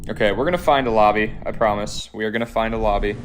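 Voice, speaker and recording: A man's voice: on the low side, quick pace, slight background noise. A man hosting a casual live stream, chatting with viewers and answering their comments as he plays, with an echoey room sound and no headset. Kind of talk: casual live-stream chat while gaming. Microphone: no headphones, audio through device.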